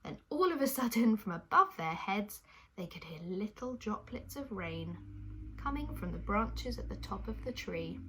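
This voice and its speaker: A woman hosts a children's puppet show and tells stories, addressing young listeners directly and encouragingly. Her voice is medium-pitched, very animated, and fairly bright at a normal speed, with a little hiss or hum in the background.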